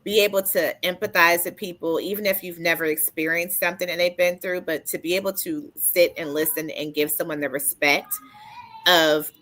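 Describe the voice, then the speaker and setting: Low, bright-toned woman in casual chat. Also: fairly even intonation, moderate pace. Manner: earnest, chatty, laughs between points. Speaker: panel guest. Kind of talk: casual panel discussion.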